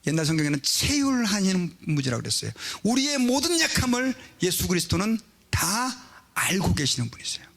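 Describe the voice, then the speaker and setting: Gravelly male pastor preaching conversationally. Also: high-pitched, sing-song, a little fast, a bit bright. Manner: conversational preaching, addressing the congregation often. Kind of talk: sermon.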